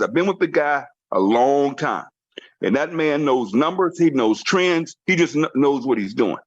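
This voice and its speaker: A man with a drawl drives a motivational training call, repeating his points with emphatic, preacher-like insistence. His voice sits fairly high and swings widely. It comes through a muffled, dry call line with no room sound. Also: dry recording. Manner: emphatic, repetitive, preacher-like urging. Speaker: network marketing team trainer. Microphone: conference call line.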